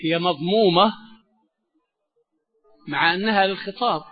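High-voiced man teaching. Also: slightly rough. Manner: measured, repeats and restates key words. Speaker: Quran teacher. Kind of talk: explanatory religious lesson. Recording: dull lo-fi recording with faint music.

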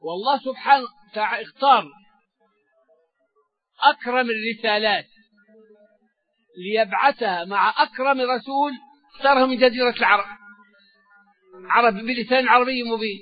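A man giving a religious lesson, measured and explanatory, often repeating key words. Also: very high voice. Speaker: Quran teacher. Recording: dull lo-fi recording with faint music.

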